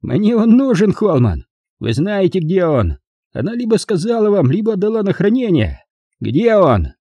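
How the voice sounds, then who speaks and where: A man's voice: high-pitched, sing-song, moderate pace, mellow, breathy edge, dry recording, muffled recording, voice pushed up, heavily acted. A man playing a sneering, mocking young thug. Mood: demanding. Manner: mocking, nasty, drawling. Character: sneering, drunk-acting young man with a gun. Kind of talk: audiobook character voice.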